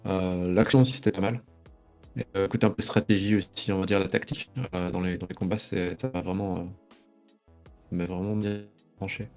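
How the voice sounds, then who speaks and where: A man in his late thirties, originally from France, chats as an interview guest. His voice sits low, with a gravelly, fried texture. He rambles and hesitates as he reminisces. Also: darkish tone. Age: 30s. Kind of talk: casual interview chat.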